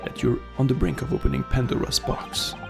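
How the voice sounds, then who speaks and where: A man's voice: medium pitch, very animated, fairly quick, over music, voice pushed down, natural voice. A man voicing a haughty, ominous aristocratic male prosecutor in a fan dub of a video game. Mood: menacing.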